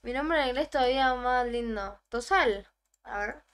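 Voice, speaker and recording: Una joven argentina que charla en su stream, juguetona y ruidosa, que bromea y repite palabras en voz alta. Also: female voice, a little high, moderate pace, clean tone. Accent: Argentine Spanish. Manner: playful, loud, joking, repeats words aloud. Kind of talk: casual livestream chat.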